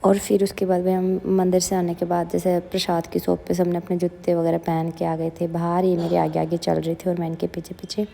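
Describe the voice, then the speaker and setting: A woman's voice: fairly low pitch, monotone, brisk, vocal fry, hardly any pauses, dark tone. Chatty young woman narrating a vlog. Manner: chatty, addresses viewers as guys. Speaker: vlogger.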